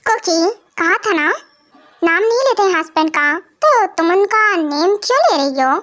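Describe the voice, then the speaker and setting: A woman's voice: very high voice, expressive, moderate pace, fairly bright tone. A woman voicing a strict, bossy middle-aged mother-in-law in a fan-dubbed audio story, lecturing and scolding.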